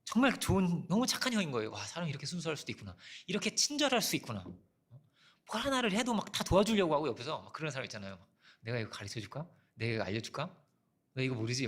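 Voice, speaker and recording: Speaking fast with big swings in pitch, this middle-aged pastor has a mid-range, slightly bright voice. His sermon is conversational, built on personal anecdotes and rhetorical questions, and he keeps dropping in a rhetorical "어?".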